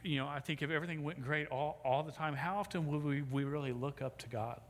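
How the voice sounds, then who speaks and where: A middle-aged male pastor with a stutter preaches a sermon into the sound system microphone of a church sanctuary, repeating sounds and restarting words. His voice is fairly high and quick, captured with long hall reverb and faint background noise.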